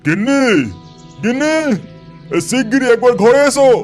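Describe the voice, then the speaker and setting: Picture a grumpy older father-in-law in a cartoon, as a man acts him out, spluttering and calling out loudly. Music plays behind his voice. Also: fairly low pitch, steady tone, normal speed, close to an everyday voice. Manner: loud and complaining.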